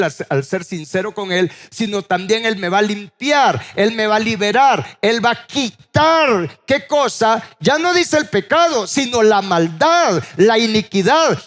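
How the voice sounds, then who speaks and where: A man with a notably high voice preaches a sermon as a pastor. He talks earnestly and pleads, and he circles back to the same phrases as he presses his point home. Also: fairly bright tone.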